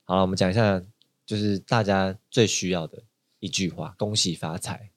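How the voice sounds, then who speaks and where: A man's voice: low voice, fairly even intonation, moderate pace. A man hosting a casual podcast chat, teasing his guest and laughing often. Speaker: podcast host.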